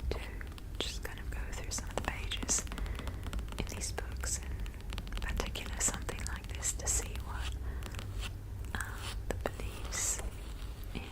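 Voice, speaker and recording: A woman host whispering softly and breathily in a gentle ASMR style, pausing between short phrases close to the microphone. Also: rough recording.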